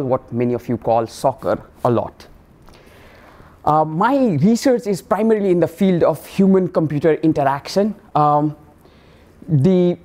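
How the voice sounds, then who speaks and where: A man stands at the front of a lecture room and explains his research to an audience. He speaks in a measured way, with plenty of small fillers as he thinks. The sound is picked up across the classroom. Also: a little high, darkish tone. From Nepal. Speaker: professor giving a colloquium talk. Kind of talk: academic lecture.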